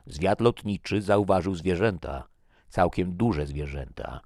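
A man's voice: low-pitched, expressive, a little slow, gravelly, a little mellow, no room sound, clean studio sound, exaggerated voice. A man voicing a thoughtful male researcher in an audiobook reading.

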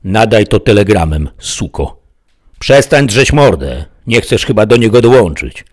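A man voicing a cold, mocking male outlaw in a told story, with a sneering, taunting delivery and a husky voice. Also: extremely low pitch, big pitch swings, moderate pace, exaggerated voice. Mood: sneering menace. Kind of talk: audiobook character voicing.

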